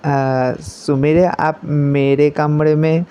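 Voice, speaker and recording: A flustered, starstruck boy who stammers through his words, as a man puts him on. The voice sits a little high, with a mellow, dark tone. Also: little pitch movement, drawn-out words, clean tone. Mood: apologetic. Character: shy starstruck boy superhero fan.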